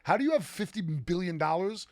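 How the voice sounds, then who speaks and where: Young new dude rambling about hoops, swears a lot, pokes fun, dry sound. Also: male voice, high-pitched, animated, a little fast, no room sound. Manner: rambling, crude, teasing. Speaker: podcast co-host. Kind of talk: casual sports chat.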